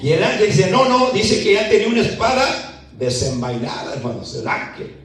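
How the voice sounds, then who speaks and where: A pastor with a high voice and big pitch swings preaches a sermon, reading slowly and emphatically and often rising to a shout as he retells scripture. He sounds distant from the mic, and the church hall around him echoes heavily.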